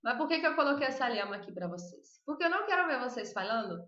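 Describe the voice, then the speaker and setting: A Brazilian woman with a Portuguese accent teaches Spanish live, chatting with her students and repeating each word slowly. Her voice sits a bit high and sounds bright. The recording is echoey and dull. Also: very animated. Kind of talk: live online lesson, reading chat questions.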